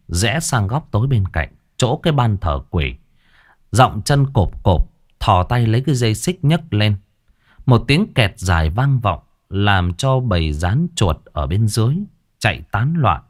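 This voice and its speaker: A man narrating a horror story in a dramatic, expressive audiobook style. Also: lowish voice, measured pace.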